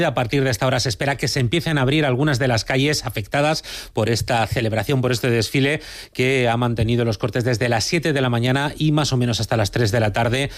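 A man from reads the afternoon news at a quick clip. His voice sits in a middle register, and his delivery is measured and even. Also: mid-range voice. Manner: brisk, measured newsreader delivery. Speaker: news anchor. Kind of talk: radio news reading.

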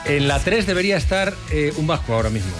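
A man's voice: fairly high pitch, animated, fast. A man hosting a morning radio show, chatting in a rambling, easygoing way in the studio. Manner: chatty, rambling, laughs easily. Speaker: radio host. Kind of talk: casual radio chat. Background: music.

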